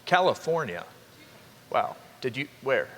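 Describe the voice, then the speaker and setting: Upbeat dean addressing a hall. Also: male voice, medium pitch, big pitch swings, fairly bright tone. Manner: upbeat, addresses the crowd with quick asides. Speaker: dean of students. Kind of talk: orientation welcome speech. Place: large hall. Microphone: handheld microphone. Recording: reverberant hall with faint ambience.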